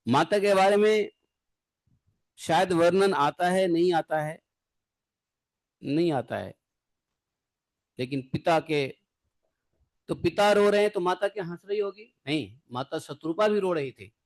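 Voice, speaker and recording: A man's voice: high voice, expressive, unhurried, long pauses. A man giving a devotional scripture lecture in a conversational way, asking his class rhetorical questions and adding playful asides.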